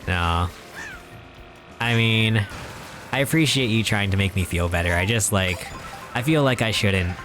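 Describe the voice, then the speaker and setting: A man's voice: on the low side, unhurried, pauses often, over music. A man in his twenties chatting casually on a live stream while he games, rambling in a mock-serious, joking way and chuckling often. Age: 20s.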